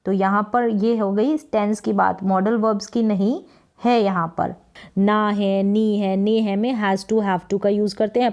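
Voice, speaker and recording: Woman teaching grammar, slow careful examples. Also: medium pitch. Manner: slow, spelled-out English example sentences; repeats key phrases for emphasis. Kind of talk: explaining grammar to learners.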